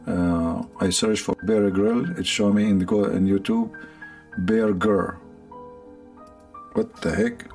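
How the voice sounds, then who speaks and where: A low, gravelly voiced man with an Arabic accent hosts a casual stream, rambling and sarcastic, breaking into laughs. Faint music plays behind him. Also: animated, takes it slowly, pauses often, darkish tone. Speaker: livestream host. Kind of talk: casual joking monologue.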